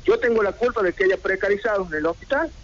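A middle-aged Argentine merchant, speaking Argentine Spanish on local radio, delivers an indignant protest made of rapid-fire rhetorical questions. His voice is high and animated, moving at a quick pace. The lo-fi broadcast finds him indoors in a red armchair.

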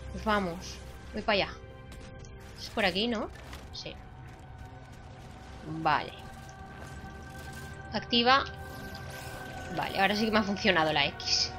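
A young woman from Spain with a Spanish accent, giving excitable, swearing commentary while playing a shooter at home. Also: medium pitch. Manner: excitable, swearing, shouting at enemies. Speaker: gaming vlogger. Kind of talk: live gameplay commentary. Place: home room. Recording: game music under voice.

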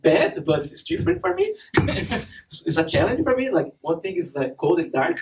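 A young Brazilian man with a Brazilian Portuguese accent gives a chatty conference talk packed with fillers and laughter, his high voice swooping wildly at a moderate pace. He's on stage in a dark event hall with a projector, picked up by a distant mic with faint noise.

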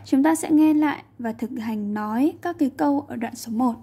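A woman's voice: sits high, brisk, dark tone, slightly rough. A woman English teacher patiently explaining a textbook lesson, repeating and translating each sentence.

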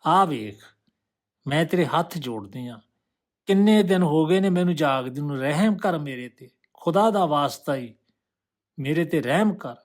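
A man's voice: on the high side, expressive, measured pace. A man voicing a worn-out, desperate woman. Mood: begging. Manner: pleading then snapping back, raised voice. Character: exhausted, desperate young woman pleading to sleep.

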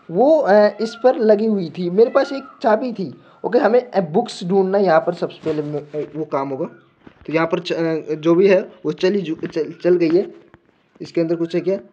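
A man's voice: high voice, dark tone, slightly rough, highs cut off. A man commenting as he plays a horror game, jumpy and panicky, talking to himself. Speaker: gamer.

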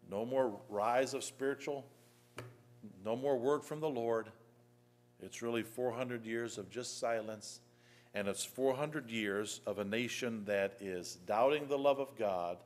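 Earnest male pastor preaching a sermon. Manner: earnest, rises to emphatic scripture reading, drops soft and low. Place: church.

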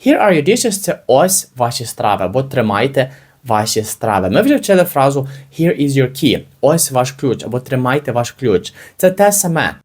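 A man teaching an English lesson, explaining phrases slowly and repeating them carefully for learners. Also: medium pitch, sing-song, a little mellow.

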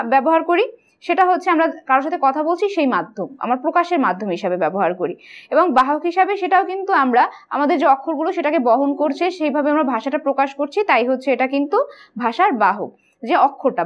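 উঁচু গলার শিক্ষিকা, একটু চাপা শব্দে. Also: female voice, high voice, muffled recording. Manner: patient, asks and answers her own questions. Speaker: teacher. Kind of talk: explaining grammar quiz answers.

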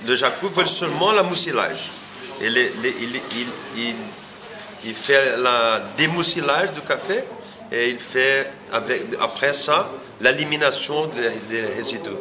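With a crowd audible behind him in a noisy indoor room, a Brazilian-accented coffee farm owner in his forties talks to the camera from his seat. His medium-pitched voice has lively intonation. The interview is informal, and his non-native French comes out halting as he repeats words and searches for the right ones.

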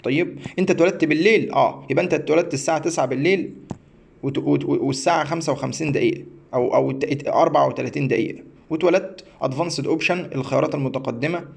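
Rapid gravelly Egyptian man teaching. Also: on the high side, a little hiss or hum. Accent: Egyptian Arabic. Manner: rambling, repetitive, stumbles and restarts. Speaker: astrology teacher. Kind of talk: screen-share tutorial.

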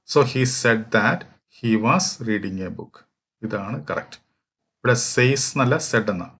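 A man from Kerala, walking through exam questions as a teacher, reading each question slowly and explaining at length with fillers. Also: on the low side, a bit bright. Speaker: English teacher for exam prep. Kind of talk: exam question walkthrough lesson.

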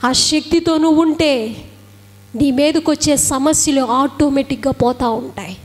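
A woman's voice: high-pitched, measured pace, in a large hall. A woman preaching a fervent sermon, firing rhetorical questions and repeating phrases for emphasis.

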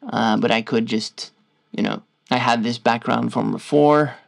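A man with a Norwegian accent, casually walking viewers through a software tutorial in a loose, stop-start way. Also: medium pitch, unhurried, creaky. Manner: loose, stop-start explaining while clicking through screens. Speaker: tutorial host.

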